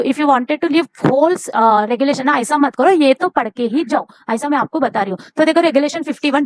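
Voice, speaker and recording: High-voiced woman tutor giving urgent exam tips. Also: dry recording. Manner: urgent, repeats herself, mixes Hindi and English.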